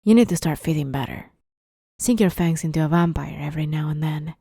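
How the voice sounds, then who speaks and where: In an ASMR roleplay, a woman performs a scripted monologue as a playful, smug, menacing female vampire interviewer. Her slightly low, dark, velvety voice teases and threatens in a slow drawl that often sinks into breathy whispers. It's recorded close and dry, with no room sound.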